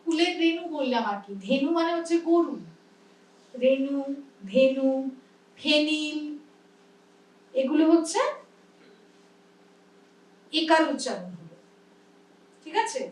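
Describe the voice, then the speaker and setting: A woman's voice: high-pitched, animated, unhurried, pauses often. A woman with a Bengali accent teaching pronunciation in a workshop. She explains patiently and often checks that her students understand. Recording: echoey room, mic at a distance.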